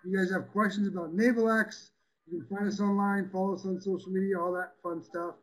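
Fast-talking upbeat man, high voice. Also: fairly even intonation, poor audio. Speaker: presenter. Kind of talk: casual online presentation.

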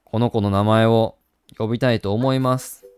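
A man's voice: on the low side, fairly even intonation, normal speed, a little mellow, smooth, no room sound, studio quality. A man hosting a gaming channel, chatting casually and doting on a virtual puppy while reading the game text aloud.

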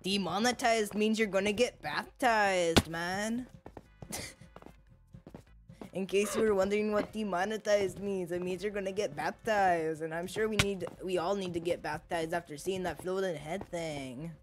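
A woman's voice: mid-range voice, fairly even intonation, a little slow. A woman giving casual, goofy, rambling commentary while playing a video game. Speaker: gaming video host. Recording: game music behind.

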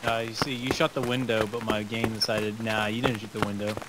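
A man's voice: lowish voice, little pitch movement, a little fast. A young man talking casually with teammates in a game, slipping into military role-play. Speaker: gamer. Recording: noisy game voice chat.

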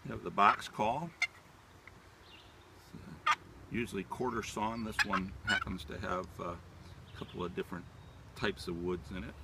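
A man in his sixties giving an informal, halting demonstration as a hunting instructor, explaining things step by step. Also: low voice, steady tone, gravelly, heavy background noise. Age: 60s. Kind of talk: informal outdoor demonstration talk. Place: outdoors in leafy woodland. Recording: distant mic outdoors, natural background sounds.

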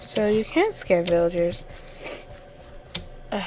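A woman's voice: on the low side, very animated, takes it slowly, dark tone. A young woman giving casual, chatty commentary over a game, sniffling now and then and easily flustered. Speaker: gamer.

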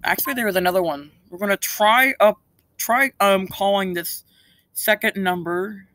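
A man's voice: high-pitched, moderate pace, sharp tone, no echo. A teenage boy chatting casually outdoors as he calls spam numbers back to bait scammers. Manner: screening and baiting spam calls. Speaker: scam-baiting video maker. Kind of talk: casual prank calls and chat to camera. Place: outdoors beside a brick house.

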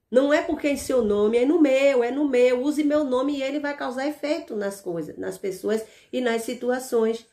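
A woman's voice: fairly high pitch, darkish tone. A woman with a Brazilian Portuguese accent telling an evangelical testimony in a casual, emphatic way, repeating words and restarting phrases. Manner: emphatic, repetitive storytelling with restarts. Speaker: evangelical channel host.

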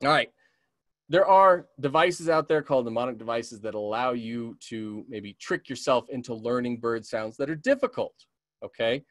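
A man's voice: mid-range voice, moderate pace, a bit bright, dry recording, clean studio sound. A man from the American West teaching a beginner's bird identification webinar, often checking in with "okay?" and imitating bird calls. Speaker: community naturalist teaching a class. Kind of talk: webinar lesson.

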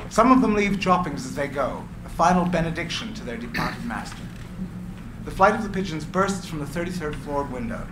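Reading a script's stage directions a little fast, this man has a fairly high voice made gravelly by recording work, and his delivery is clear and expressive. The setting is an echoey meeting room with an audience and background noise, picked up by a stand microphone.

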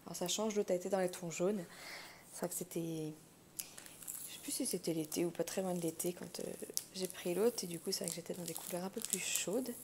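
A woman with vocal fry and a gravelly morning voice, chatting through an unboxing and thinking aloud. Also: fairly low pitch, brisk, darkish tone. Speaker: craft unboxing host. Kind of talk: casual unboxing chat. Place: indoors at a wooden table. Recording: handling clicks and crinkling noise. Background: crinkling plastic, clicks.

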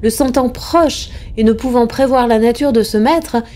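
A woman's voice: fairly high pitch, normal speed, a little mellow. A woman giving a dramatic reading of a classic tale, impassioned and rising to anguished cries in the tense passages. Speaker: reader.

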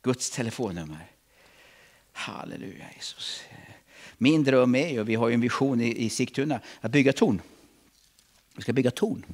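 A middle-aged pastor preaches in a church, his voice rising to loud calls and dropping to quiet asides. His pitch moves widely and expressively. The manner is animated and direct. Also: long pauses. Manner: animated, swings between shouting and hushed asides. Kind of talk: sermon.

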